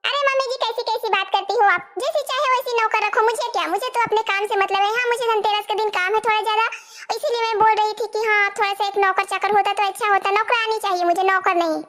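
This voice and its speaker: A woman voicing a sharp-tongued young daughter-in-law in a cartoon, talking back with sarcasm in a very high voice. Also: fairly even intonation, quick pace. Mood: sassy. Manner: snappy, sarcastic back-talk. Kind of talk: cartoon voice acting.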